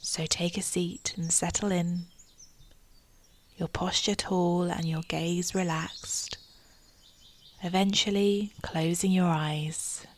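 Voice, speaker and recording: This is a guided meditation led by a woman whose lowish voice is soft, breathy, and nearly whispered. She stays calm and soothing, with measured phrasing and long pauses, over a slight hiss or hum.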